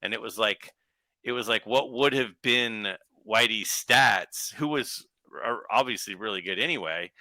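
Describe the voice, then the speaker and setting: A man tells long, rambling stories as a podcast guest, doubling back on himself with quick asides. His voice is strikingly bright and forceful. The sound is dry and close. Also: fairly low pitch, no echo. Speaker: guest collector. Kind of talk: casual podcast chat.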